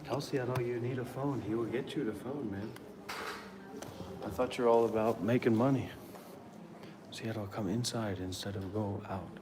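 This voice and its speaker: This Maryland man's voice is fairly low, and he talks at a normal speed but pauses often. He's hosting a live stream from a meditation center over his phone, chatting sincerely and wandering between ideas amid obvious noise.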